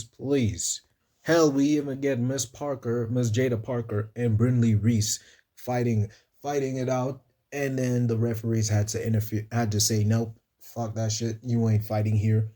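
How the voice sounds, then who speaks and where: A man's voice: medium pitch, warm tone. A man casually reviewing a wrestling show on his own, chatty and playful, talking straight to his viewers. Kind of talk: casual solo recap.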